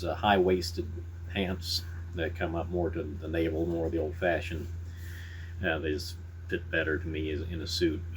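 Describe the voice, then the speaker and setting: A middle-aged man chatting casually to viewers in a folksy, unhurried, halting way. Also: deep voice, a little hiss or hum, rough recording. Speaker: pipe-smoking vlogger. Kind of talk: casual rambling chat to viewers.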